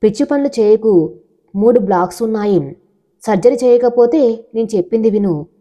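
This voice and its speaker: A woman's voice: a little high, moderate pace, mellow, close to an everyday voice. A woman voicing a proud young male corporate CEO in a storybook, commanding and curt. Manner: commanding, demanding.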